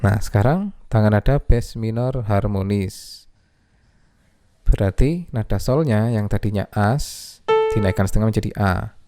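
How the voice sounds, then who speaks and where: Slow gravelly male music teacher. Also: fairly low pitch, dark tone. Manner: slow, patient, naming notes one by one with frequent "ya". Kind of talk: explaining music theory lesson. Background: piano playing.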